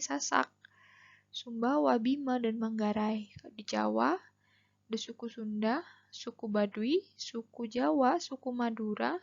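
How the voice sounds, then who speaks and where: A woman's voice: on the high side, gravelly. A woman teacher with a Javanese accent, explaining a lesson patiently and asking her students questions as she goes. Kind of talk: classroom lesson video. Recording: dull lo-fi recording.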